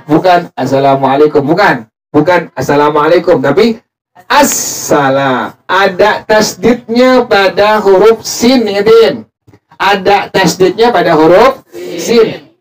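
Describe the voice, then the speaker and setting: A male religious teacher leading a study group through prayer practice, repeating each point and quizzing his listeners. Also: high-pitched. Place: evening religious study gathering. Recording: distant mic with a group audible.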